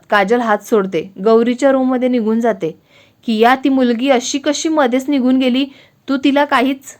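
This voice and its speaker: A woman reading a family story aloud with a Marathi accent, voicing all the characters in her own voice. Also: fairly high pitch. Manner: reads every character's lines in her own voice. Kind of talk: scripted narration of a family story.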